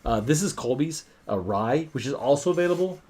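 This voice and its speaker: A man hosting a casual whiskey livestream, animated and swearing freely as he tells stories. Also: medium pitch, brisk.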